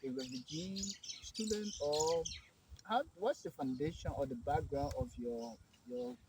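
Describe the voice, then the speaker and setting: A Liberian man with a Liberian English accent hosting a live educational program, asking his guest questions in a deliberate, emphatic manner. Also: fairly high pitch, background noise. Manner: slow, emphatic announcer delivery, then conversational questioning. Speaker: host. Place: Kenyan university campus.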